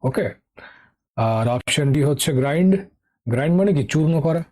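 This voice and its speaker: A man's voice: a little high, lively intonation, moderate pace, warm tone. A middle-aged man teaching English vocabulary for exam prep in an online lesson, speaking with a Bengali accent. He is patient and repeats key words, often checking with "ঠিক আছে?".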